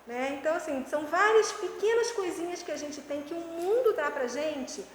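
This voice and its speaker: A woman educational psychologist from Brazil chatting and giving teachers lively tips with everyday examples. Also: high-pitched, moderate pace. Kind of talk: casual explanatory chat. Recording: echoey room with faint noise.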